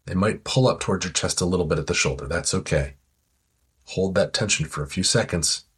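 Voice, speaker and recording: A man slowly guiding a listener through a progressive muscle relaxation exercise with soothing, calm instructions. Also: sits low, breathy edge. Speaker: relaxation guide.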